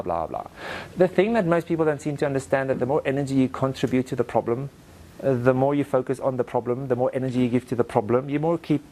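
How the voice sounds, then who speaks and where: A man teaching a presentation skills workshop to a live audience, animated and direct, acting out quotes in playful voices. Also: mid-range voice. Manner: direct, asks the audience to repeat lines to each other. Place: training room with a live audience.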